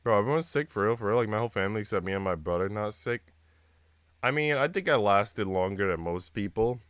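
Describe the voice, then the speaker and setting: A man with a cold livestreams a visual novel, switching between reading narration and rambling, slangy casual talk. His voice is fairly low-pitched and fairly bright, with lively intonation, a fast pace, and a smooth sound with no echo.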